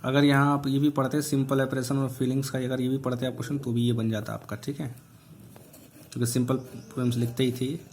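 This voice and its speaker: A male English teacher going through exam questions one by one, reading each aloud slowly and explaining the answers. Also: medium pitch, flat delivery, a little mellow, slight background noise. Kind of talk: online exam answer review.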